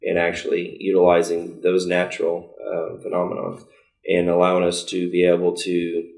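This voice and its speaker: A man speaking as a podcast guest, talking in a halting way with many fillers. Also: sits low, monotone, creaky, darkish tone. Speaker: service director. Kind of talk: casual podcast conversation.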